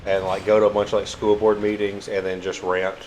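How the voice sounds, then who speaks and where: A man co-hosts a let's play over drinks and sounds a little tipsy. He talks in a somewhat low voice, rambling in a laid-back way and slipping in dry jokes. Faint background noise runs beneath him. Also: monotone, a little fast, darkish tone. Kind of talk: casual gaming chat.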